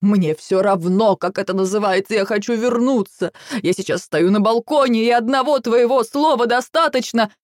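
A woman's voice: on the high side, normal speed, few pauses, dry recording, studio quality, voice pushed up, lightly acted. A woman reading the lines of a whiny, self-pitying grown man, her estranged husband, in a pleading, sniveling tone.

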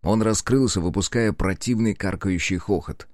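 Low-voiced male audiobook narrator. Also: moderate pace, a little mellow, no echo, clean studio sound. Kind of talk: scripted narration.

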